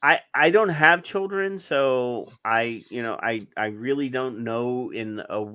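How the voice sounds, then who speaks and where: Man, middle-aged, podcast co-host, sarcastic, rambling, mid pitch, dry sound. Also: a little slow, bright, forceful tone, clean tone, dry recording. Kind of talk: casual chat.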